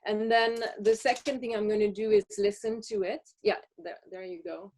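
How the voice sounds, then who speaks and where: A woman's voice: mid-range voice, moderate pace, a little mellow. A woman walking listeners through a chocolate tasting step by step, talking casually with frequent fillers and restarts. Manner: chatty, hesitant with many fillers. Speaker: chocolate taster. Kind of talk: guided tasting walkthrough.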